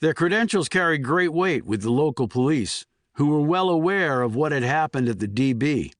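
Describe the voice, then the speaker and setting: A man's voice: fairly high pitch, expressive, normal speed, no room sound, clean studio sound. Man narrating a thriller audiobook. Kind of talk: scripted narration.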